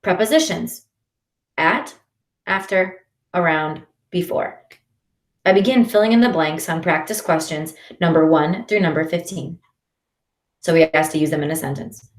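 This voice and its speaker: A woman narrating a first-person children's novel in an expressive reading voice. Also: sits low, normal speed. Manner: expressive, shifting into character voices. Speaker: audiobook narrator. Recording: roomy echo.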